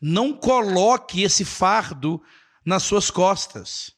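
High-voiced Brazilian man teaching English. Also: animated, takes it slowly, fairly bright tone. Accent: Brazilian Portuguese. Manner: encouraging, emphatic, repeats key phrases, switches into English. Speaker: English teacher hosting a live class. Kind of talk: live online class, answering viewers.

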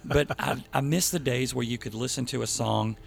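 A man hosting a casual podcast chat, relaxed and opinionated, recorded in a band's rehearsal space. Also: medium pitch, normal speed, gravelly, a little hiss or hum. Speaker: podcast host. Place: band rehearsal space by a train track.

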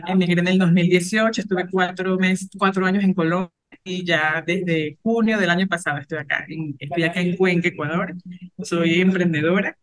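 A woman with a Venezuelan accent giving conversational interview answers as a guest, explaining haltingly and often repeating words. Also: lowish voice, steady tone, no room sound. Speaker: podcast guest, entrepreneur.

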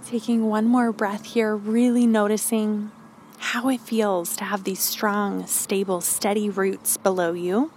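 A woman podcast host leading a calm grounding meditation, giving gentle, encouraging instructions. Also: medium pitch, slow pace, slight background noise.

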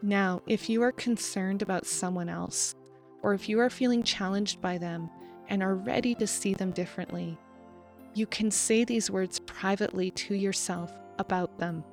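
Podcast host, woman, middle-range pitch; steady, measured guided meditation with gentle pauses and soft music behind.

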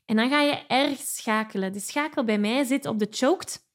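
High-voiced woman teaching singing. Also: moderate pace. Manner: encouraging, explains technique then sings examples. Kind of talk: vocal lesson with sung demonstrations.

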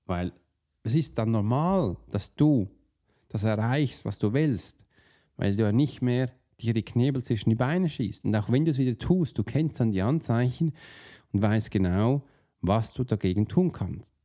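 A man's voice: mid-range voice, lively intonation, unhurried, dark tone. A man teaching about self-sabotage as a profiling coach, speaking straight to the listener with casual rhetorical questions and restarting words mid-sentence. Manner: informal, restarts mid-word. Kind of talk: motivational teaching monologue.

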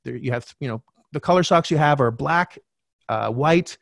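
A middle-aged man, a podcast guest and real estate coach, telling a candid personal story in a frank, animated way, swearing casually. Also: mid-range voice, moderate pace, gravelly, no room sound, studio quality.

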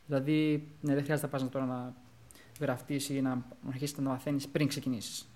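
A young man co-hosting a podcast in casual conversation, talking in animated quick bursts. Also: mid-range voice. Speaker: podcast co-host.

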